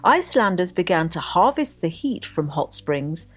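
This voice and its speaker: Husky woman narrating, lively pitch. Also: moderate pace. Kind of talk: scripted documentary narration.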